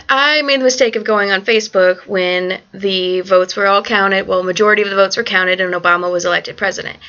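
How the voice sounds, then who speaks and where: A young woman vlogger with a mid-range, fairly bright voice and lo-fi sound rambles through a survey late at night, groggy. She's blunt and ranty, curses often and leans heavily on valley-girl fillers like "like."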